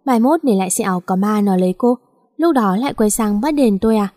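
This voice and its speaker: A woman's voice: mid-range voice, fairly quick, mellow, studio quality, lightly acted. A woman voicing a bossy, teasing male company director who talks in a curt, mocking way. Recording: long echoing reverb.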